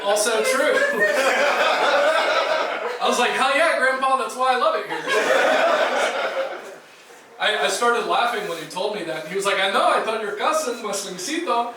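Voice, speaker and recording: A man's voice: high-pitched, expressive, normal speed, pauses often. A male stand-up comedian from Jacksonville, Florida, doing a self-deprecating set in a small comedy club. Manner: self-deprecating, conversational punchlines. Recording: echoey room from far off, noisy.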